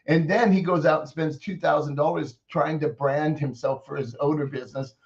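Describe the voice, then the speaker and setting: A man's voice: fairly high pitch, fairly even intonation, moderate pace, vocal fry, muffled recording. A man hosting an online business coaching session, talking informally and rambling with fillers and restarts. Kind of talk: casual online presentation.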